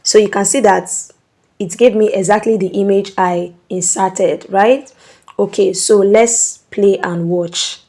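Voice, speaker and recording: Lady explaining an app step by step, warm mellow voice, keeps asking "okay?". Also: mid-range voice, steady tone, a little slow. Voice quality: instructive, repeats "okay?" to check in. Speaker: tutorial host. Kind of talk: screen-recording tutorial.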